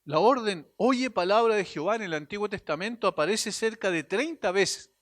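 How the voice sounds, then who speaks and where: Earnest high-voiced preacher, dry sound. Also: male voice, lively intonation, moderate pace, no room sound. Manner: earnest preaching, swings from emphatic to hushed; repeats and restarts phrases while speaking. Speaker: pastor. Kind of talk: sermon.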